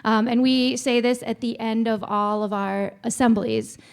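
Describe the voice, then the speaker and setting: A woman's voice: a little high, steady tone, unhurried, vocal fry, clear, resonant tone. A woman moderating a church panel discussion, speaking in a friendly, chatty way with small self-aware asides. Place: church hall. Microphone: handheld microphone.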